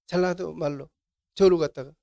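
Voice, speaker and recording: A man's voice: on the high side, fairly even intonation, moderate pace, creaky, mellow. A middle-aged man with a Jeolla Korean accent, giving a classroom lecture as an instructor and answering his own questions to the class. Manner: asks the class questions and answers them himself.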